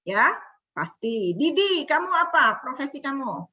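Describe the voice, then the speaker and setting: A woman with an Indonesian accent coaching a group online, asking them questions in a lively teacherly way. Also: sits high, a little slow. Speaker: communication coach. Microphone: video call. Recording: dull lo-fi video call audio.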